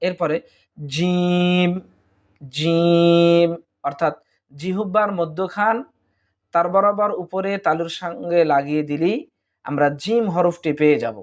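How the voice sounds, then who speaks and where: A man's voice: on the high side, normal speed. A man with a Bangladeshi Bengali accent teaching Arabic letter pronunciation, drawing out each letter and repeating it for listeners to copy. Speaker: Quran teacher.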